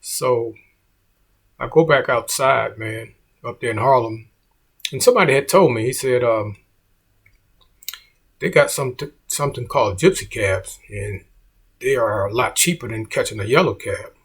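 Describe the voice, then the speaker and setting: Comedian, man, middle-aged; easygoing husky storyteller, mid-pitched, drops "man" throughout. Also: unhurried, long pauses. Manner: laid-back, peppers lines with "man".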